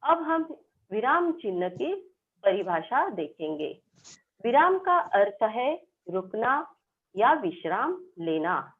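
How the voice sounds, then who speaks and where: A woman with a Marathi accent teaches a school grammar lesson, moving through it slowly and step by step for children. Her voice sits a little high and rises and falls a great deal. It comes through a thin, phone-like recording. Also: sing-song. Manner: slow, explaining step by step to children. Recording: tinny phone-like sound.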